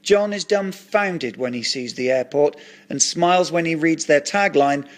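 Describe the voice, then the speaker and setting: Dry male narrator, slightly high voice. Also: a little slow. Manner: dry, matter-of-fact storytelling. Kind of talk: comic scripted narration.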